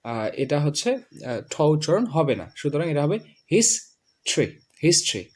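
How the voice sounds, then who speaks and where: A man with a Bengali accent teaching English pronunciation, drilling words slowly and repeating them for a student. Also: on the high side, sing-song, a little mellow. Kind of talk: classroom lesson.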